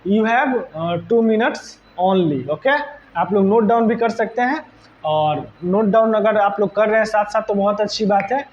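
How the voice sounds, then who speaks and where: A male teacher with a Bihari Hindi accent lectures a live class in a high, bright voice, explaining terms step by step and asking "right?" often. The recording is a bit dull and lo-fi, with a faint hiss behind the voice. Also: normal speed. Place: classroom with students present.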